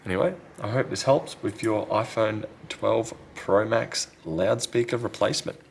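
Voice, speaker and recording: Here a repair technician hosting a video speaks at a moderate pace in a lowish voice with vocal fry. Working at an indoor repair bench, he chats unscripted and thinks aloud through a hands-on tutorial, over a slight hiss or hum.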